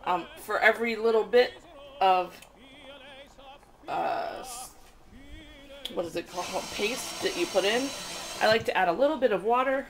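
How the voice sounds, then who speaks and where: This casual cooking demo features a woman with a mid-range voice who speaks unhurriedly, leaving long pauses as she explains each step, chatty and instructive with many fillers. She records on a handheld camera at home, and the poor audio carries crowd noise along with a pan sizzling.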